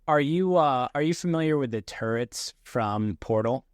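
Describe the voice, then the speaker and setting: A man's voice: mid-range voice, lively intonation, moderate pace, dry recording, studio quality. A man hosting a podcast, curious and probing, who asks questions with hesitant restarts in a casual chat. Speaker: podcast host.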